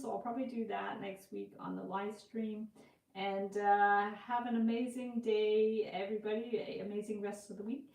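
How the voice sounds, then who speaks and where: Woman murmuring through a craft demo. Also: a little high. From Canada. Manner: chatty, drops to a soft murmur or whisper while concentrating on her hands. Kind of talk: live craft tutorial, thinking aloud while working.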